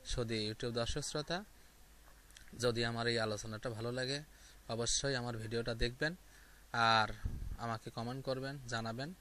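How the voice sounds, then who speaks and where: Male tutor, patient step-by-step explainer with fillers, bright tone. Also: mid-range voice, fairly even intonation, normal speed, long pauses, slight background noise. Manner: step-by-step explaining with frequent fillers and repeated examples. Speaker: English grammar teacher. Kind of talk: explaining grammar lesson to viewers.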